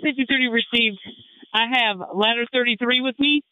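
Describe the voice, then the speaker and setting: A man's voice: very high-pitched, steady tone, a little fast, smooth, dry recording. A man working as a firefighter safety officer, reporting over a two-way radio. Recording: tinny, narrow-band emergency radio channel.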